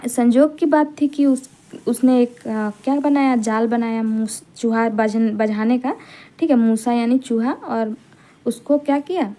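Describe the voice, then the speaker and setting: A woman teacher retelling a folk tale for an exam-prep lesson, explaining slowly, asking questions and checking the students follow. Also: fairly high pitch, fairly even intonation, mellow.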